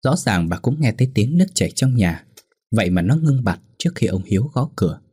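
A man with a husky, mellow, low voice narrates a ghost story steadily and somberly. His voice is dry and close, with faint music underneath. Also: very animated, a little fast, no echo.

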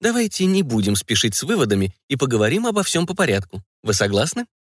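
A man voicing a confident young woman who speaks calmly and with dignity, in a dry recording. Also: fast talker, breathy edge, no echo. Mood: dignified. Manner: calm, composed, slightly raised pitch.

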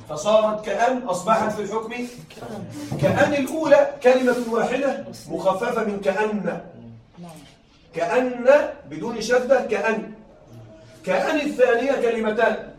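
A man teaching a classroom lesson, stretching key words for emphasis and often checking that his students are following. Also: high-pitched. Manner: repetitive, keeps checking that listeners follow. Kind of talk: classroom lecture. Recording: roomy, distant mic, faint noise.

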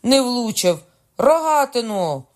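A man voicing a hot-blooded young king who shouts loud, high, strained commands during a boar hunt in an audiobook. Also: big pitch swings, slow pace, full character voice. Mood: frantic.

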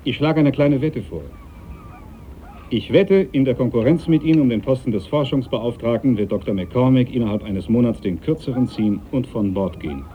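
An actor playing a haughty, pious young aristocratic sea captain in a German radio drama, formal, needling and domineering. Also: male voice, medium pitch, animated, moderate pace, natural voice. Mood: sardonic, challenging. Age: young adult. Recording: thin phone-like sound, faint noise.

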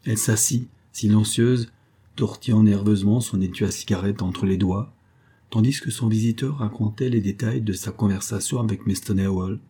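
Male narrator for a classic novella, low, husky, even literary delivery. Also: moderate pace. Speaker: audiobook reader.

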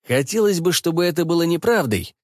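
Defensive, mumbling young detective read by a man in his own voice; lively delivery, dry close sound. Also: a little high, a little fast, no echo, pitched above the performer's own voice. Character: flustered young male detective, evasive son.

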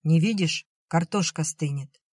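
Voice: medium pitch, a little slow, darkish tone, slightly rough, no echo, studio quality. Narrator putting on a scolding old peasant mother. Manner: wailing, scolding. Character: grumbling old peasant mother, bitter and shrill. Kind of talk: audiobook reading.

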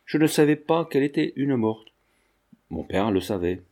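A man reads a classic novel aloud in a steady, measured audiobook manner. His voice sits at an ordinary male pitch with a dark, mellow colour. The delivery stays calm and deliberate throughout. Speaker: audiobook reader. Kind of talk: literary audiobook narration.

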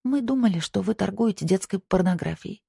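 A woman's voice: mid-range voice, fast, gravelly, darkish tone, slightly rough, no echo, studio quality, voice pushed up. A narrator putting on a frightened, accusing young captive woman.

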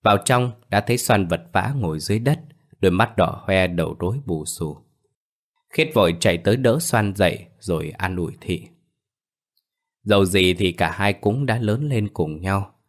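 Deep low male storyteller, steady scripted read. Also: normal speed. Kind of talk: scripted narration of a ghost story.

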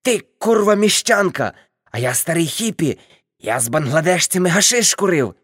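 A woman's voice: fairly low pitch, expressive, normal speed, slightly rough, dry recording, studio quality, voice pushed up. A woman voicing an older man, a boastful ex-hippie uncle, telling rambling brash stories in an audiobook. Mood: brash tipsy.

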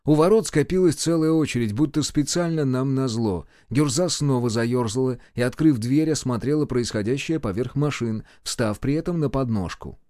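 A man narrating a first-person audiobook in a brisk, wry storytelling manner. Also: mid-range voice, dark tone, no echo, studio quality.

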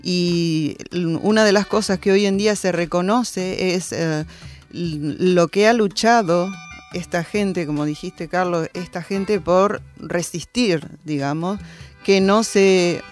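Measured radio co-host explaining. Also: medium pitch, soft background music. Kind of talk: radio talk discussion.

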